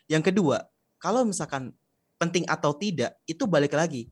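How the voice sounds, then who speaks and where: A man's voice: a little high, lively intonation, moderate pace, breathy edge, no echo, studio quality. A young man, a public speaking trainer, explaining things in a casual podcast interview with slangy fillers.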